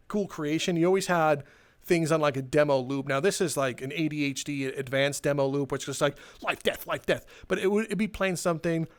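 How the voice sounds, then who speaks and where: A young man telling rambling, sardonic stories in a casual way while playing a game, swearing and laughing between them. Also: on the high side. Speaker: gaming video creator.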